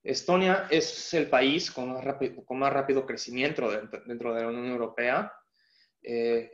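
Young Mexican man presenting a webinar. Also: medium pitch. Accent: Mexican Spanish. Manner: earnest, explanatory, with frequent hesitations and restarts. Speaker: guest presenter. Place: indoor room, on a video call. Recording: roomy, dull video-call audio.

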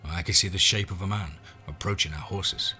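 A man's voice: low-pitched, brisk, bright, forceful tone, soft background music. A man narrating a scripted horror western in the first person, as a storyteller.

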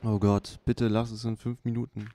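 A man hosting a let's play, giving unhurried, chatty running commentary with many fillers. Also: lowish voice, flat delivery, dark tone. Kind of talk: casual gameplay commentary. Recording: clear background hiss.

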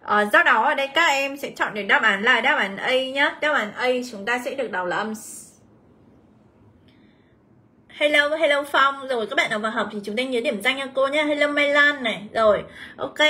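A young woman with a fairly high, bright, forceful voice teaches an English exam review lesson on a livestream. She's chatty, greets viewers, reads out students' comments and answers, and calls the class "mọi người."

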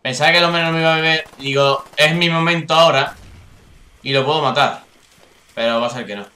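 A young man from Spain with a Castilian accent commentates live gameplay, swearing a lot and bursting into high yelps at kills and misses. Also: a little fast, sharp tone, roomy sound, a little hiss or hum. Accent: Castilian Spanish. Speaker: gaming youtuber.

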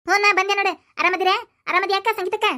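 A woman's voice: very high-pitched, steady tone, rapid-fire, sharp tone. A woman voicing a cheerful young married daughter in a cartoon, greeting her family politely with a North Karnataka accent. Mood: cheery. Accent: North Karnataka Kannada.

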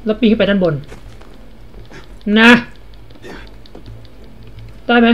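A man's voice: sits high, flat delivery, slow pace, highs cut off, faint music behind. A man giving casual gameplay commentary in a chatty way, repeating short phrases and swearing playfully.

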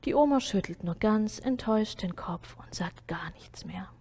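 A woman reading a Sunday school story aloud to children, soft and often sinking to a near whisper. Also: mid-range voice, lively intonation, normal speed, husky.

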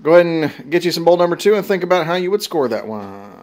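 Casual home-video host: woman with a lowish voice, repeating her announcements game-show style, filmed on a phone in a dining room. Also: sing-song, fast, crowd noise. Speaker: host of a family taste test. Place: home dining room with family around a table. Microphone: handheld phone camera.

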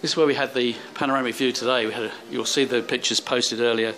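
A quick-paced travel vlogger with a steady, slightly bright mid-range voice films a walking tour of a seaside hotel on a handheld camera. Moving between hotel rooms and the seaside street, he rambles with lots of fillers and restarts. The recording quality is low.

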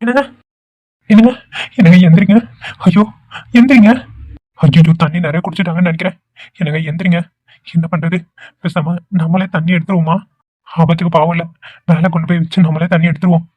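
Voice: medium pitch, dull audio, lightly acted. A performer voicing a kind, worried young man in a cartoon, talking anxiously and pleading. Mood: panicked, pleading. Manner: anxious, pleading, talks quickly. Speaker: cartoon character. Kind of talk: Tweencraft cartoon voice acting.

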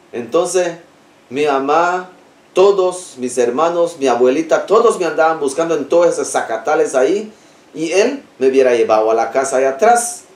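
A man's voice: fairly high pitch, darkish tone, far from the mic. A man telling a personal experience in a plain, conversational storytelling style, linking events one after another. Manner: plain, repetitive telling, links events with "entonces". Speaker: interviewee recounting a personal experience. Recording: roomy sound, speaker away from the mic.

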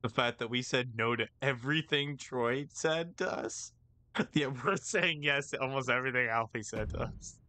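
Joking young streamer, bright voice. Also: male voice, medium pitch, moderate pace, no echo. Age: 20s. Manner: reactive, joking. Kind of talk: gameplay commentary. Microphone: headset.

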